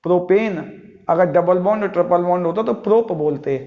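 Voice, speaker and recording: In this echoey, dull lo-fi clip, a man's voice sits high and moves a little fast. He's a chemistry teacher delivering a classroom lecture, patiently drilling his students by asking questions and then supplying the answers himself.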